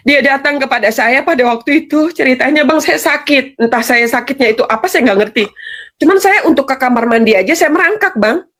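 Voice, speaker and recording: Woman, fairly high voice, earnest conversational storytelling. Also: quick pace, a bit bright. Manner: earnest storytelling, addresses host often as Bang. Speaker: guest giving testimony. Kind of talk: conversational testimony interview.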